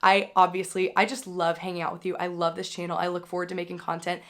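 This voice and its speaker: A young woman with a hoarse voice, still recovering from being sick, hosting a casual book wrap-up and chatting loosely with lots of filler words. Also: lowish voice, little pitch movement, fast talker, fairly bright tone. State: hoarse, recovering from losing her voice. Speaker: book channel host. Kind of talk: casual reading wrap-up chat.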